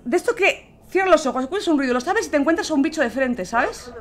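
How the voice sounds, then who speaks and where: A woman's voice: high-pitched, expressive, quick pace. A young woman with a Spanish accent from Spain playing a horror game on stream, frightened, swearing and shrieking as she comments. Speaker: gaming youtuber. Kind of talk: let's play commentary.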